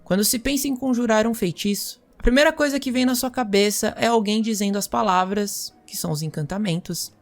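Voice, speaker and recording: A woman playing a magic teacher, lecturing students in a measured, explanatory way. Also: medium pitch, faint music behind. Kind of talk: scripted role-play lecture.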